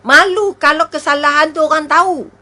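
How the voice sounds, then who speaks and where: Speaking at a normal speed, a religious speaker with a Malaysian Malay accent delivers an emotive talk full of exclamations and rhetorical questions. Her voice sits high, pushed and bright, with fairly even intonation.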